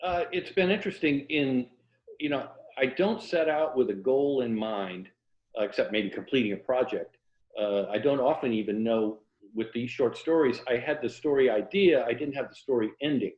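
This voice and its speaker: A mature American writer and former journalist from Tampa, Florida, talks casually and reflectively as an interview guest. His voice is mid-range and his pace moderate. The recording has a roomy echo and a dull, muffled sound.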